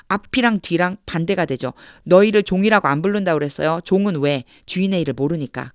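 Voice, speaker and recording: Patient woman teacher reading verses slowly. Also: deep voice, dry recording, studio quality. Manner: reads English verses slowly in short chunks, then explains them. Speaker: English teacher. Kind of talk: Bible English reading lesson.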